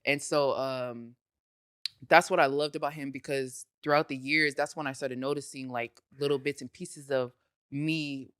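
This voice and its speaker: A woman guest on a podcast, telling stories in a casual chat, animated and often laughing. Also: a bass voice, moderate pace, clean tone, no echo, studio quality.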